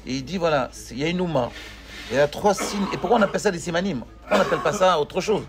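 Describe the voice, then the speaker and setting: Casting: rabbi, slightly high voice, lively and questioning with his class. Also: quick pace, over music. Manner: animated, questioning, joking with students. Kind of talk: lively Torah class with students.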